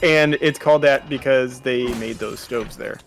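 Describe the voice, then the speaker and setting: A man's voice: mid-range voice, normal speed, a little hiss or hum. A man in his thirties from California chatting casually during a game, explaining things at length with plenty of fillers. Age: 30s. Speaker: let's play co-host. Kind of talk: casual gameplay chat.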